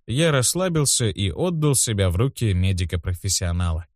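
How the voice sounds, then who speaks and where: A man narrating a first-person audiobook in a steady, measured way. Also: on the low side, no echo, studio quality.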